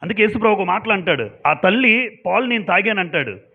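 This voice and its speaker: High-voiced man preaching a sermon. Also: lively intonation, fast talker, husky. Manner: emphatic, questioning the congregation. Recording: dull lo-fi sound.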